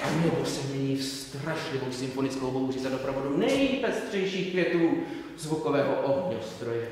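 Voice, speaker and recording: A male stage actor playing a pompous, pedantic professor who lectures in a theatrical, declamatory way, swinging between soft and loud. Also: mid-range voice, a little hiss or hum, close to an everyday voice. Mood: declaiming. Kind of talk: live theatre performance. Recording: echoey stage recorded from far off.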